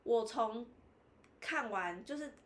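A woman with a Taiwanese Mandarin accent hosting a casual podcast chat, telling a story with animated voices. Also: fairly high pitch, takes it slowly. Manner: animated storytelling, mimics the dentist. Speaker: podcast host.

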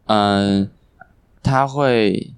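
A young man, chatting casually and telling animated stories, laughing often and swearing casually. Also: on the low side, drawn-out words, clean tone, no room sound, clean studio sound. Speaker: podcast guest. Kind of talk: casual chat. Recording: poor quality recording.

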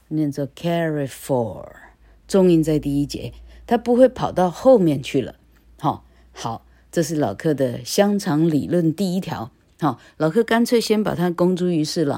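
An older woman teaching English in a relaxed, rambling way, her low voice moving slowly. She keeps adding a little "ha" to her phrases. When she gets to a rule, she chants it out slowly, syllable by syllable. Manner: rambling, ends phrases with a habitual "ha". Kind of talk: casual online lecture.

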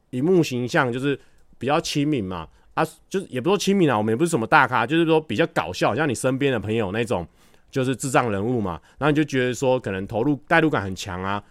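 A man's voice: medium pitch, no room sound, clean studio sound. A man hosting a livestream, telling stories casually, acting out scenes and laughing often. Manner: animated storytelling, acts out scenes, laughs often. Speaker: livestream host. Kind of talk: casual chat with viewers.

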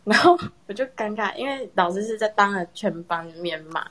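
A young woman casually telling a personal story in a chat with friends, animated and laughing often. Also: mid-range voice, fairly quick. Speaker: storyteller in a horror story contest.

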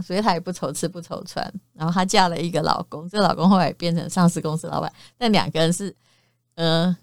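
A woman's voice: lowish voice, no echo. Woman, middle-aged, podcast host, candid casual chat, dry close sound. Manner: candid, chatty, sprinkles sentences with drawn-out particles.

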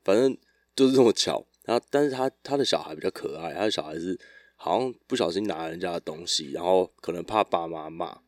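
A man hosting a casual solo podcast, telling stories in a relaxed, rambling way with frequent restarts. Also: low-pitched, brisk, dry recording, studio quality. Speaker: podcast host.

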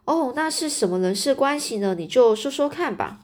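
A woman's voice: sits high, expressive, moderate pace, a little mellow, voice pushed up. A woman voicing a sly, nosy bearded male miner in a storybook reading. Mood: prying. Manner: nosy questioning, hearty.

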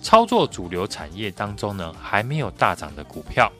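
A male analyst with a Taiwanese Mandarin accent explains the market in a prepared commentary. His voice is fairly low yet bright and forceful, with lively rises and falls. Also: moderate pace, soft background music. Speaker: stock market analyst, guest.

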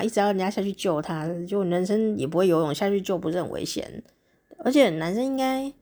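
A woman hosting a casual chat show, telling a story in a chatty, lively way with drawn-out particles. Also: mid-range voice. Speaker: podcast host.

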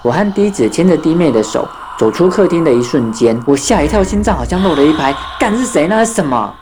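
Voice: medium pitch, lively intonation, quick pace, noisy background. A storyteller narrating a ghost story and acting out the children's lines in their own voices. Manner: acts out children's voices in dialogue.

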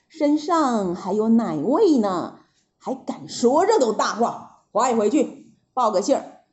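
A woman's voice: on the high side, darkish tone. A woman voicing a boastful, cheeky male Monkey King with a teasing, mocking manner, in a storybook reading.

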